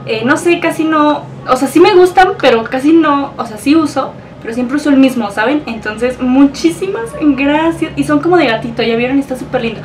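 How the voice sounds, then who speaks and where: A woman's voice: sits high, moderate pace, few pauses, recorded from a distance, faint music behind, low-quality recording. A young woman with a Mexican accent, gushing and emotional as she unboxes a package for her vlog. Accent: Mexican Spanish. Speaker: beauty vlogger.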